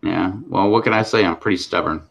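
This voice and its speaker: Man, forties, casual group chat, lowish voice, dry teasing, storytelling. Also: brisk, vocal fry, fairly bright tone. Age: 40s. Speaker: co-host. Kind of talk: casual chat among friends.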